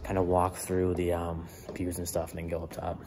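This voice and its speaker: A young man's low, monotone voice carries at a moderate pace over a noisy background as he explores a large abandoned church indoors. Filming on a handheld camera on the move, this urban explorer vlogger gives a relaxed, rambling walkthrough thick with fillers like "um" and "you know."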